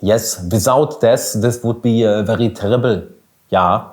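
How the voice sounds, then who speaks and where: He's a young business coach with a German accent, hosting an easygoing motivational podcast in a lowish, unhurried voice. The delivery is earnest and emphatic, peppered with some swear words.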